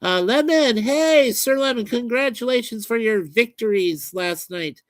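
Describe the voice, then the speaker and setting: A man's voice: extremely high pitch, lively intonation, a little slow, no room sound. A man hosting a livestream, casually reading out and answering viewer comments in a chatty, folksy way. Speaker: livestream host reading chat. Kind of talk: casual chat.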